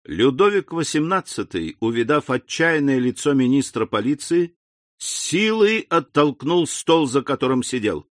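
A man narrating a classic novel in an even, deliberate storytelling manner. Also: medium pitch, dry recording, clean studio sound. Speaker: audiobook narrator. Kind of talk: scripted narration.

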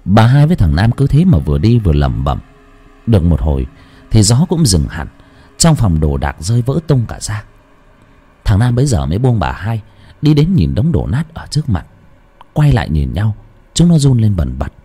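A man tells a village horror story with dramatic relish. His voice is dark and husky, swooping widely in pitch. Soft music plays beneath him. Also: big pitch swings, normal speed. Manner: dramatic, lurid.

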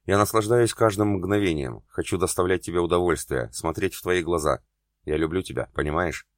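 A man's voice: low voice, brisk, no room sound, clean studio sound, natural voice. A man voicing an adult man who is hurt and jealous but still loves his partner, speaking bitterly and pleadingly in an audiobook. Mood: tender.

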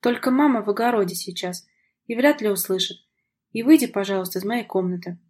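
A self-assured young woman , voiced by a woman reader, answers in her audiobook scene calmly and wearily, with a dry ironic tone. The voice is husky and breathy at a middling pitch. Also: brisk, natural voice. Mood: weary. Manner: calm, tired, ironic. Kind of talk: audiobook dialogue reading.

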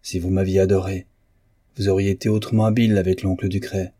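A bitter, ambitious wife reproaches her husband in a measured voice, as a male reader voices her in an audiobook. The voice stays low, dark and husky, close to the reader's own. Each line carries cold, resentful weight. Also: little pitch movement, no room sound. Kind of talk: audiobook reading of a novel.

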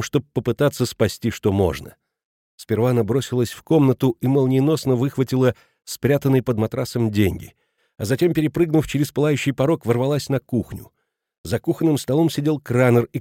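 A man narrating a literary audiobook in an even, measured reading. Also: mid-range voice, no echo, studio quality.

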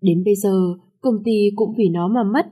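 A woman voicing a harsh, angry middle-aged father who scolds his daughter in a gruff manner, read in an audiobook. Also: medium pitch, normal speed, dark tone, close to an everyday voice. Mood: scolding.

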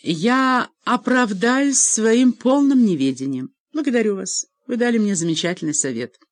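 A woman performs an anxious yet stubborn young noblewoman for an audiobook, pitching her voice higher than her natural one and acting it lightly. The delivery is animated and nervous at a moderate pace, recorded cleanly in a studio with no echo.

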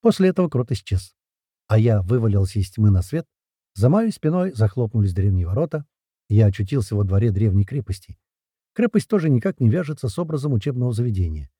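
A man narrating a first-person fantasy audiobook in an expressive, lively storytelling manner. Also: fairly low pitch, a little fast, husky, no echo, clean studio sound.

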